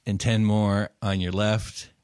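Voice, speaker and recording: Male game master, lower-pitched, casual narrator chatting with his players between descriptions. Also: little pitch movement, slow pace, darkish tone, slight background noise.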